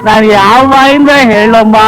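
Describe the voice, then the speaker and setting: A man's voice: sits high, normal speed, close to an everyday voice, low-quality recording. An actor playing a henpecked middle-aged husband in a film comedy, lamenting his married life in a theatrical, self-pitying way with playful rhyming wordplay. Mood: comic lament. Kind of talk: 1980s Kannada film comedy acting.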